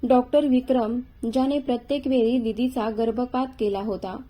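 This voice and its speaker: A woman reading a dramatic story aloud in a measured, even storytelling voice. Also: a little high. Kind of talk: scripted story narration.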